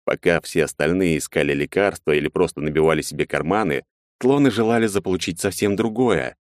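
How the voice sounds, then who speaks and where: A man narrating an audiobook in a steady, measured reading. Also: low voice, no echo, studio quality.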